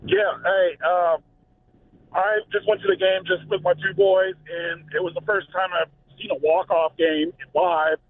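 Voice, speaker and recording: A man calling in to a sports radio show, slightly hoarse, talking in an excited, rambling way with fillers. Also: high-pitched, a little slow. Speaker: caller. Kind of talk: casual call-in chat. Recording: tinny phone line.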